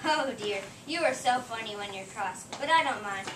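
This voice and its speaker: A woman's voice: fairly high pitch, lively intonation, normal speed, a bit bright. A woman playing a fussing, bossy Mrs. Claus who scolds her husband in an amateur play reading. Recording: echoey room, distant mic, noise.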